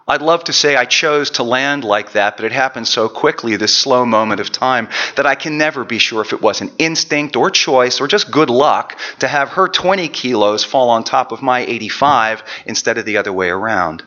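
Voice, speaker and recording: A man's voice: medium pitch, normal speed, hardly any pauses, pushed and bright, lo-fi sound. A man preaching a sermon and telling a personal story with self-deprecating, chatty asides. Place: church.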